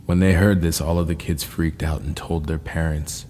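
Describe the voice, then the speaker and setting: A man narrating scary first-person stories in a slow, ominous storytelling manner. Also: extremely low pitch, steady tone, darkish tone. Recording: long reverb with faint ambient noise.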